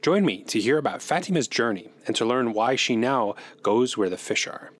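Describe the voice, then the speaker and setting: A man's voice: medium pitch, animated, moderate pace. A man reading a scripted introduction as the host of an alumni interview series. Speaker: narrator host. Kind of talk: scripted narration. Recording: voice-over with music bed.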